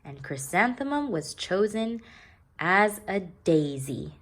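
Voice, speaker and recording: Female teacher narrating a picture book for young pupils, deliberate and expressive, very varied intonation. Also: mid-range voice.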